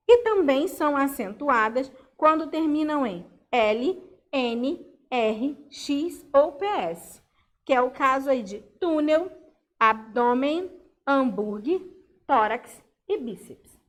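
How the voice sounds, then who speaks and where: A woman teacher, patiently explaining a grammar lesson step by step and checking in with her students. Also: sits high. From Brazil. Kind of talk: online class lesson.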